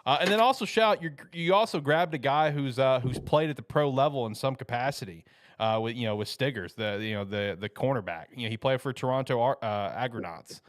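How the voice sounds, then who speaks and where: A man's voice: mid-range voice, fairly quick, no echo, clean studio sound. A man co-hosting a casual football podcast, enthusiastic and emphatic, often tossing in "man.". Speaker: co-host. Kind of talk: casual sports podcast chat.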